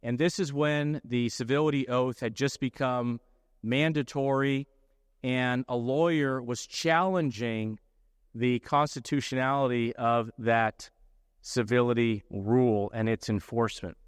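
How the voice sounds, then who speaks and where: A man's voice: medium pitch, fairly even intonation, measured pace, clear, resonant tone, no echo. Man lecturing fellow lawyers, dry sound. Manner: explanatory, often checks in with "okay?". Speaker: lawyer giving a talk. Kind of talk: conference presentation.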